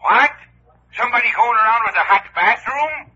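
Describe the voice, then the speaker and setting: An actor playing a brusque, incredulous police desk sergeant with a raspy voice through a telephone filter, in radio comedy. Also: male voice, very high-pitched, lively intonation, moderate pace, bright, forceful tone, heavily acted. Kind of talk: old-time radio comedy acting. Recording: tinny, dull vintage radio phone line.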